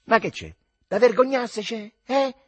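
A man voicing a loud, indignant middle-aged woman with a Roman accent, scolding shrilly. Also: very high voice, normal speed, pitched above the performer's own voice.

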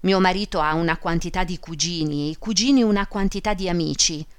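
A woman voicing a languid, worldly married baroness who speaks unhurried and calmly cynical. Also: on the low side, smooth, no echo, close to an everyday voice.

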